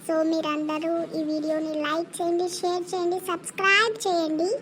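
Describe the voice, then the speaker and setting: A voice actor playing a cheeky young boy hosting a vlog in an animated comedy, chatty and whiny. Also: very high voice, a little fast. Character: cheeky young boy vlogger, lively and complaining. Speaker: cartoon vlogger boy.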